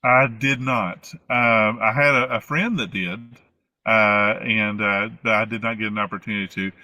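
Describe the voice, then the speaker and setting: A man with an Appalachian accent talks as a casual interview guest. His voice is a little low but bright and forward. He rambles along, feeling his way hesitantly through each answer. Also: steady tone, moderate pace, no room sound, rough recording. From United States. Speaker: interview guest, former flight attendant. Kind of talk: casual conversational storytelling.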